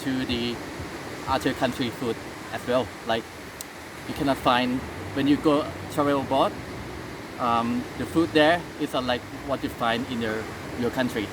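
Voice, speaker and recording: A Thai man speaks English as a second language in a casual interview, his Thai accent clear as he halts with many fillers and restarts. His medium-pitched voice holds a steady tone against a noisy background.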